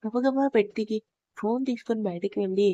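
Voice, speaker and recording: A woman storyteller narrating a love story aloud in a steady, plain manner. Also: a little high, a little fast, no echo, lo-fi sound. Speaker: audio storyteller.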